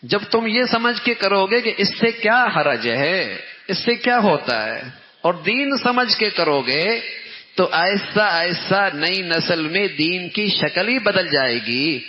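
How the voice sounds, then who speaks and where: A man's voice: high voice, very animated. A man giving a Ramadan sermon lecture as a religious teacher, emphatic and repeating phrases for stress, recorded in a mosque hall. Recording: dull lo-fi sound with long hall reverb.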